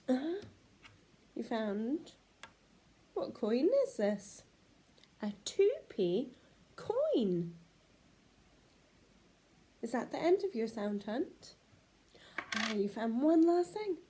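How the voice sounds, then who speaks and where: A woman's voice: sits high, warm tone. A woman teaching a children's phonics lesson, sounding out letters in an encouraging, sing-song way.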